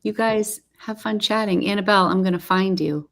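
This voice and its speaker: A woman chatting calmly on a video call with short replies. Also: mid-range voice, normal speed. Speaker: guest on a group video chat. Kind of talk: casual chat.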